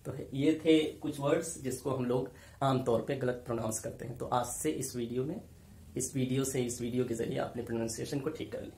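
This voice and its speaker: A man's voice: mid-range voice, steady tone, fairly quick, darkish tone, echoey room. A man teaching English pronunciation, repeating each word several times as he drills it. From South Asia. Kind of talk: spoken English lesson.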